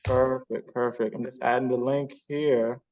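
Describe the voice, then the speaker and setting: A man's voice: mid-range voice, level tone, a little slow, darkish tone. A man chatting casually over an internet call. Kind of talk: casual chat. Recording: dull lo-fi video call audio.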